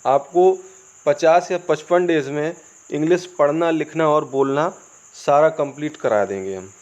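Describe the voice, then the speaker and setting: A man's voice: fairly high pitch, measured pace, a little mellow. A man with an Indian accent, a native Hindi speaker, teaching English. He spells words out letter by letter and asks and answers his own questions. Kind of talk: classroom-style spoken lesson. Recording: dull lo-fi recording, crickets behind.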